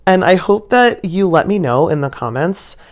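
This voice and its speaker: Presenting her painting video, this woman's voice runs on the low side, animated and at a normal pace. Her casual storytelling to viewers is playful and gushing, with giggles woven into her words as she laughs through sentences.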